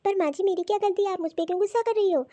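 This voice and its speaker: Woman playing a very high, meek cartoon daughter-in-law who pleads her case. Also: racing, dark tone, dry recording. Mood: pleading. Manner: pleading and complaining. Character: meek, put-upon young daughter-in-law. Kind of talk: cartoon voice acting.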